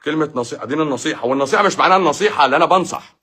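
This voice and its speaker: A man's voice: fairly high pitch, very fast, pushed and bright, husky. A man with an Egyptian Arabic accent talks about faith in an emphatic, preachy way, full of rhetorical questions. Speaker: doctor giving a talk. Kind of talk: casual talk on faith and life.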